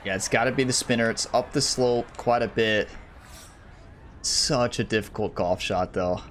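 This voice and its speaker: A man with a medium-pitched voice speaks at normal speed over slight background noise. He's a gaming YouTuber doing casual let's-play commentary, chatting to viewers mid-game while slightly losing his voice, which sounds a little worn.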